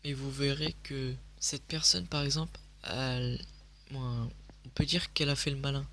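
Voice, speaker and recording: Brief: young male gaming vlogger, slightly sick, hushed near-whisper delivery, gravelly edge, faint hiss behind. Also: medium pitch, fairly even intonation, normal speed. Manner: speaks softly, often near a whisper. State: a little sick. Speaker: gaming youtuber. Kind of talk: casual gameplay commentary. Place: home at night.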